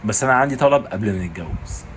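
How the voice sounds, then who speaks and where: A woman's voice: rumbling low, expressive, rapid-fire, soft background music, pitched below the performer's own voice. A woman voicing a blunt young boyfriend with an Egyptian accent, who talks matter-of-factly. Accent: Egyptian Arabic.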